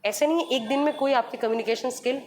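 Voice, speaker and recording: A woman's voice: high-pitched, fast, darkish tone, soft background music. A woman radio jockey being interviewed, explaining patiently with examples and slipping in English phrases. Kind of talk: podcast interview conversation.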